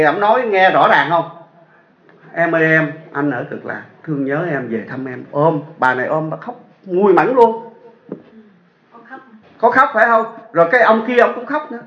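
Southern Vietnamese monk, high voice, chatty sermon storyteller, echoey lo-fi recording. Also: male voice, a bit bright. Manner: chatty, asks the audience rhetorical questions. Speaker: Buddhist monk teacher. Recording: echoey dull lo-fi sound.

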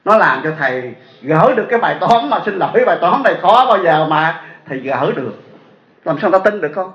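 Southern Vietnamese monk, high voice, chatty sermon storyteller, echoey lo-fi recording. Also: male voice, very animated, fairly quick. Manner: chatty, asks the audience rhetorical questions. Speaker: Buddhist monk teacher. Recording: echoey dull lo-fi sound.

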